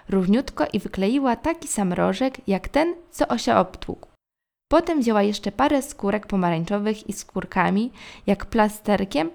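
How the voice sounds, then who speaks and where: A woman narrating a children's storybook in a gentle, measured way. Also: mid-range voice, vocal fry.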